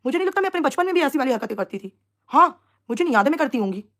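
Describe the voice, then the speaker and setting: A woman's voice: high voice, sing-song, racing, a bit bright. A young woman chatting on a live stream, teasing and mocking rivals while talking to her viewers. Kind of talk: casual live stream chat.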